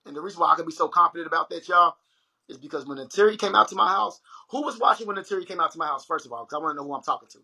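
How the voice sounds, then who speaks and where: A man's voice: a little high, racing, creaky, husky, poor audio. A young man hosting a casual livestream chat, telling stories animatedly and speaking straight to his viewers. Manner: animated storytelling, addresses viewers as y'all. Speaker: livestream host.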